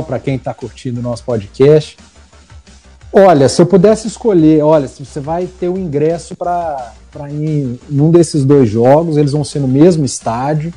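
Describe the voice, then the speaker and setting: A Brazilian man discussing sport casually as a podcast panellist, with measured phrasing and repeated words. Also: on the high side, warm tone. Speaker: football commentator on a podcast.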